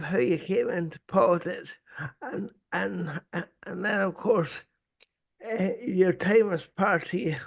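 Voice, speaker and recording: An older man hosting a casual podcast interview in a halting, repetitive way. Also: high-pitched, creaky. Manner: halting, hesitant, repeats words. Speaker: podcast host. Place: small home room, video call. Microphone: close desk microphone on arm.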